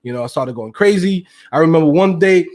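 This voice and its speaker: A young man telling his story as an interview guest, slangy and animated, acting out quotes with laughs. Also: on the high side, a little fast. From Queens, New York. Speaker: guest, web developer.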